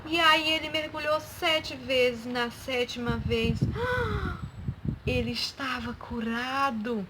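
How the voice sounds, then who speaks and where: A woman telling a Bible story to children, slowly and expressively, acting out each character's lines. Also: a little high. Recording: loud background noise.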